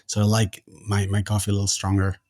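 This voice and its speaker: A man's voice: fairly low pitch, monotone, a little mellow, no room sound, studio quality. A man from Argentina with an Argentine accent, a tech founder answering interview questions in casual chat, hesitant and full of fillers and restarts. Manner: halting, many fillers and restarts.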